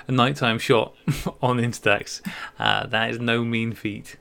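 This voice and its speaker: Creaky, mid-pitched man in casual chat. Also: little pitch movement, takes it slowly, a bit bright. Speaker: podcast panelist.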